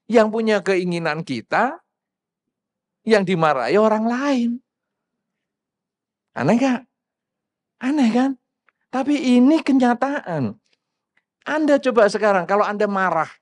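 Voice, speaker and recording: Lively preaching man, lilt. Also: sits high. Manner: conversational, asks the audience questions, acts out quoted speakers. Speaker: Buddhist Dhamma teacher. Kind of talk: sermon.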